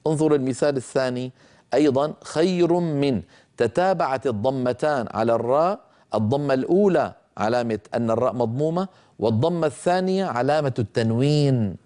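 A man's voice: mid-range voice, mellow. Patient man teaching recitation rules. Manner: patient, explains slowly, chants example words drawn out. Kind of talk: explanatory lesson with recited examples.

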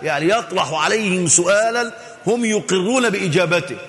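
Egyptian man, Quran lesson, asks and answers himself, slightly high voice, long hall reverb. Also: a little fast, a bit bright. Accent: Egyptian Arabic. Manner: asks the audience questions and answers them himself; repeats key words for emphasis. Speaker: religious teacher.

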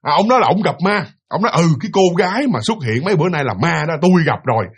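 A man tells a ghost story at a rapid clip, his voice sitting high and a little husky. He repeats words in his excitement and slips into the characters' lines as he goes. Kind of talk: spoken ghost story narration.

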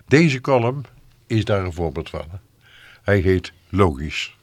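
Deep-voiced man explaining hesitantly. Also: very animated, slow, dry recording. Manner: hesitant, thoughtful explaining with fillers. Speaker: radio literature host. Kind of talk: radio book discussion. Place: radio studio.

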